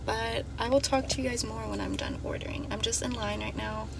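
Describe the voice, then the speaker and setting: A young woman in her early twenties with a lilt, chatting upbeat into a phone held at arm's length. Her voice sits a little high, and her talk is loose and full of fillers. A faint hum of the room stays under it. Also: steady tone, a little fast, gravelly. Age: early 20s. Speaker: vlogger. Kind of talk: casual vlog chat. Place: home bedroom, apartment and parked car. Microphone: phone camera held at arm's length.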